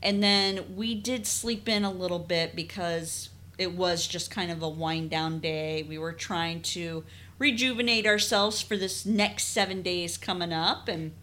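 A woman with a bright, forceful voice co-hosts a casual travel podcast. She does most of the talking and retells the trip from her notes in a chatty way. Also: lowish voice, steady tone, unhurried. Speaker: podcast co-host.

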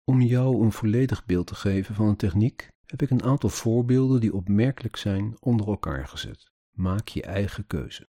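A man's voice: lowish voice, lively intonation, moderate pace, warm tone, no room sound, clean studio sound. A man earnestly narrating his own experiences in a personal account, with an indignant edge.

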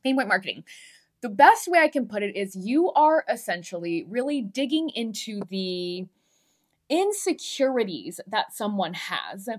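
Her mid-range voice swings widely in pitch, and she speaks unhurriedly. She's a podcast host and marketing coach with a lisp, offering candid solo podcast talk that is frank, emphatic, conversational, and full of free swearing.

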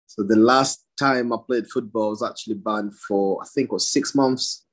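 A man's voice: fairly low pitch, normal speed. A young man from Somalia, a professional boxer, giving short plain answers in a casual interview and laughing often.

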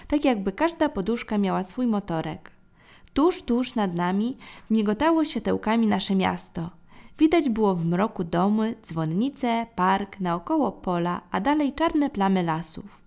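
A woman narrating a children's storybook in a gentle, expressive way. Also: medium pitch, measured pace, creaky. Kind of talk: storybook reading.

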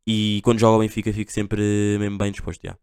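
A man's voice: lowish voice, completely flat delivery, fast talker, a little mellow, smooth, no echo, clean studio sound. A young man with a Portugal accent hosting a casual solo podcast, rambling in slang with constant fillers. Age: young adult. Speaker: podcast host.

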